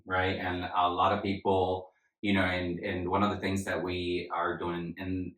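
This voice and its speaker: This podcast co-host, a family therapist born in Puerto Rico and raised in Florida, has a low, slightly bright voice. In an echoey room, he explains ideas in casual chat, frequently tagging sentences with "right?"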